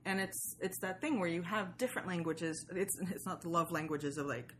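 A woman from Sweden, a podcaster and writer whose first language is Swedish, chats casually as an interview guest. She rambles through asides and acts out imagined lines. Her voice is on the low side and a bit bright, at a normal speed, with a little hiss or hum in the audio.

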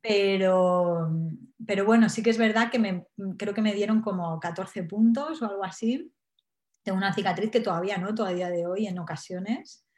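A woman, nervous, telling her own story in an interview with halting speech and many restarts. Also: mid-range voice, darkish tone, reverberant. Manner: halting, frequent tag questions and restarts. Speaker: interview guest. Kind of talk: personal storytelling.

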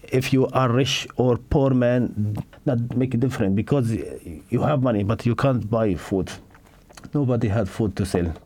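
A middle-aged man from Syria with a Syrian accent, telling his family's story in halting non-native English full of fillers and restarts. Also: mid-range voice, a little mellow. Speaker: interviewee, father. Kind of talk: personal testimony.

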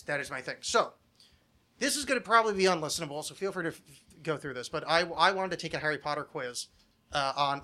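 A fairly high, pushed and bright male voice belongs to an American podcast host from the United States. His chat is casual, rambling and comedic, full of self-deprecation and free swearing.

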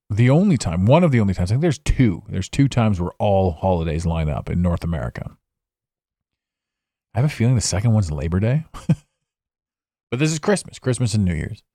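Speaking impromptu on his solo podcast at home, this man rambles reflectively and keeps starting over. His lowish, warm voice swings widely in pitch and runs a little fast with frequent pauses. A studio mic captures it with no room sound.

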